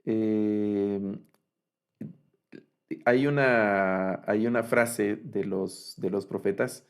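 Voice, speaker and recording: A man gives a recorded lecture on Hebrew grammar. His voice sits on the low side with a gravelly edge. He explains patiently, pausing on fillers and repeating each word slowly. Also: steady tone. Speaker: Biblical Hebrew teacher.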